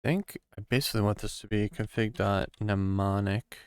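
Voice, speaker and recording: A man thinking aloud while he codes on a live stream, musing in a halting way with many pauses and ums. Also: lowish voice, steady tone, clear, resonant tone, no room sound, clean studio sound. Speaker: programmer streaming a coding session.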